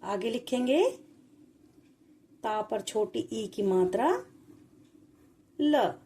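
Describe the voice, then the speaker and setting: A woman's voice: fairly high pitch, big pitch swings, drawn-out words, warm tone, a little hiss or hum. A woman teaching children a spelling lesson, patiently spelling out syllables one at a time.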